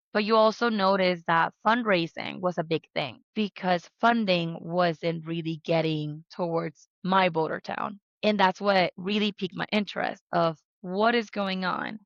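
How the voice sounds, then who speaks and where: On the low side but fairly bright in tone, this young Mexican woman earnestly recounts her life as a podcast guest, asking herself questions as she goes. There's no echo; the sound is dry and a bit dull, lo-fi.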